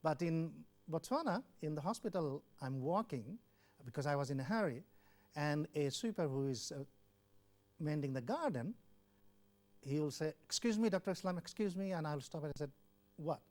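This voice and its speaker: This former health official from Bangladesh, now older, served as a WHO country representative and earnestly narrates his life in an interview. He speaks at a moderate pace in a fairly high, mildly mellow voice with lively intonation. Along the way he repeats himself and acts out quoted exchanges.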